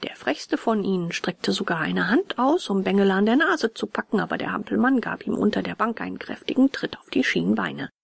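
A woman reading a children's story aloud in a soft, often whispered narration. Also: mid-range voice, expressive, a little fast, vocal fry, hardly any pauses, husky, no echo.

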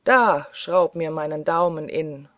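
Reader doing a taunting, cackling male prisoner, loud jeering tone, dry close sound, audiobook. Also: medium pitch, unhurried, no room sound. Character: mocking, defiant male prisoner with a cackling laugh. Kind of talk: audiobook character voice.

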